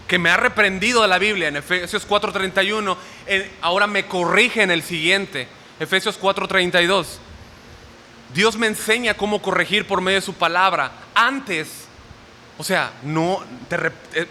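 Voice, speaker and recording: A man preaches a sermon to a congregation in a high, pushed, bright voice, frequently tossing short questions to his listeners. Hall reverb and faint noise surround the recording.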